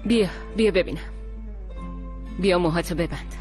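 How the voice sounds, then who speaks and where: A woman's voice: on the low side, darkish tone, faint music behind, close to an everyday voice. An actress playing an exhausted poor mother who soothes her children with tender words in a dubbed television drama. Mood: weary. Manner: weary and tender.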